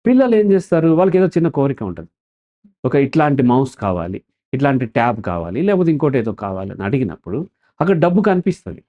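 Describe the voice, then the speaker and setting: Quick lively guy explaining like a counselor, kinda dull audio. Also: medium pitch. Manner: animated, asks and answers his own questions. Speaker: counselor guest. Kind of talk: explanatory interview talk.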